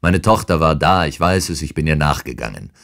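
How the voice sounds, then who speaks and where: A man voicing a huge, brutal older man in an audiobook, talking in a rude, shouting, insolent way. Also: very deep voice, animated, brisk, heavily acted. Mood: threatening. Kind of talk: audiobook character reading.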